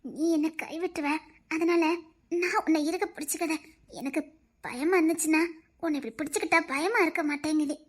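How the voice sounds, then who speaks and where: This is a performer playing a timid, clingy young wife with a Tirunelveli Tamil accent. The voice sits extremely high and comes out soft and pleading. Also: brisk, natural voice. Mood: fearful.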